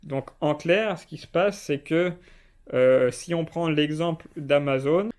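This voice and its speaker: A man talks through his topic in a relaxed, chatty vlog, addressing the viewer directly. His voice sits a little high and comes across smooth and clear. He was recorded indoors. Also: measured pace. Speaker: self-publishing video host. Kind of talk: casual explainer vlog. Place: indoors, not at home.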